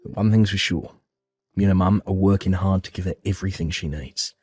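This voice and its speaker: Low husky man narrating a family story. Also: fairly quick, no echo, faint music behind. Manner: calm, reassuring, heartfelt. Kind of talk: first-person story narration with acted dialogue.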